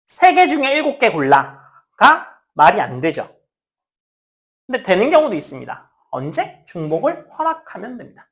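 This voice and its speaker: A woman's voice: medium pitch, moderate pace. A woman teaching a math class, explaining with everyday examples and casually acting out what students say. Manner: lively, talks to students in casual speech, acts out student lines. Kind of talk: classroom lecture.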